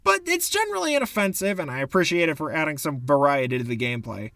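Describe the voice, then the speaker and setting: A man's voice: on the high side, sing-song, fast, vocal fry, bright, forceful tone, dry recording. A man giving sarcastic, exasperated commentary for a video game review essay, into a close mic.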